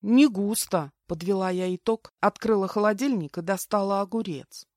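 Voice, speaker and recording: A woman narrating a first-person story as an audiobook, with a lively, wry storytelling manner. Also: medium pitch, fairly quick, no echo, studio quality.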